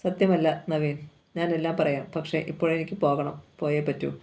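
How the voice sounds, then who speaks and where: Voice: medium pitch, fairly even intonation, moderate pace, darkish tone, close to an everyday voice. Reader doing sad pleading young woman. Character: young woman, former nun-to-be, sorrowful.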